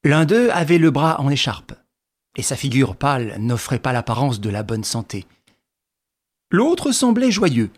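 A man narrating an audiobook in a measured, low-key way. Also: sing-song.

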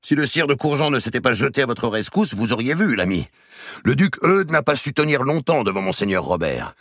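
A man's voice: mid-range voice, very animated, fairly quick, a bit bright, no room sound, studio quality, pitched above the performer's own voice. Man doing a boastful tournament knight. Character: boastful tired medieval knight after a tournament.

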